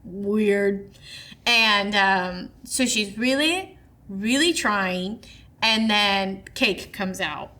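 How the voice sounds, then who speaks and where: A woman co-hosting a casual book podcast, retelling the plot with quick quoted asides. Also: mid-range voice, sharp tone. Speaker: podcast co-host. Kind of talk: casual book club chat.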